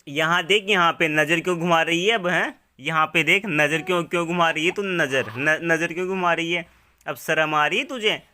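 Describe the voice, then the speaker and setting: Bright-voiced man scolding his baby. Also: on the high side, moderate pace. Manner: playful lecturing, rhetorical questions. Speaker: father.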